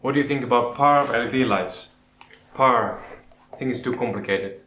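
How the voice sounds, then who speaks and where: A Dutch man from the Netherlands answers questions as a channel host, speaking casually and with a little hesitation. His voice is medium-pitched and fairly bright, at a normal speed. The recording has a roomy echo and background noise.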